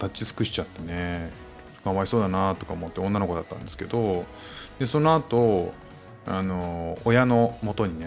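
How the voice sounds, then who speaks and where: A man in his thirties, a stay-at-home dad, hosting a casual podcast alone at a close mic and reflecting gently on parenting, with lots of fillers. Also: fairly low pitch. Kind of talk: casual spoken-word podcast monologue.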